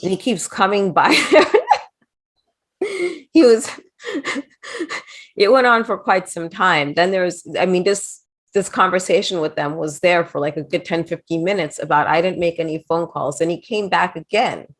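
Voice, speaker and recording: Brief: woman, middle-aged, low-pitched, animated storyteller, interview guest. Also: measured pace. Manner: chatty, animated anecdotes with quoted voices. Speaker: interview guest, former wrestling manager.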